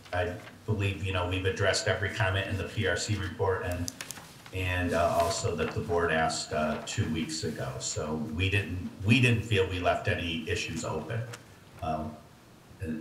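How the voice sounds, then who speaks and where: A man representing an applicant answers a planning board over a video call, measured and trailing off. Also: deep voice, steady tone, fairly bright tone. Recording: roomy far-off mic with noise.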